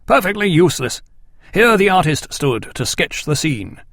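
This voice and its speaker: A man's voice: fairly high pitch, very animated, moderate pace, fairly bright tone, no room sound, studio quality, voice pushed up, exaggerated voice. A man voicing a brusque, impatient male detective. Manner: curt, impatient.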